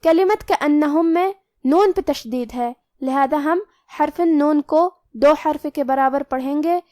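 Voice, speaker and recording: High-voiced woman teaching Quran recitation. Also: mellow, no echo, studio quality. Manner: methodical, explains each rule then recites the word slowly. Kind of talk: tajweed lesson, explaining letter rules.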